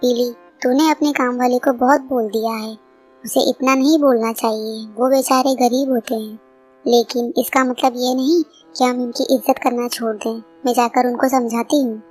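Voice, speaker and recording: A woman's voice: fairly high pitch, steady tone, moderate pace, a little mellow, slightly rough, soft background music. A woman voicing a kind young pigeon girl. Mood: earnest. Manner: earnest, polite. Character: kind, sensible young female pigeon friend.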